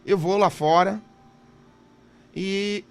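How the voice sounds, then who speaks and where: Male pastor preaching a testimony: fervent and emotional, with a high voice. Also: steady tone, very slow, gravelly, clean tone, faint music behind. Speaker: missionary pastor.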